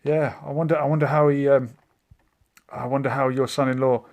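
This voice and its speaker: A man's voice: mid-range voice, little pitch movement, brisk, a little mellow. Chatty man hosting a live stream. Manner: meandering and chatty, with frequent hesitations. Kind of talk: casual live-stream chat reading viewer comments.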